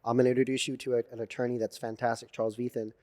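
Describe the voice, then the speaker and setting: Fast-talking man telling stories. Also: medium pitch. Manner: animated storyteller, swears freely, acts out quotes. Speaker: podcast guest. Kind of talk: storytelling in casual interview.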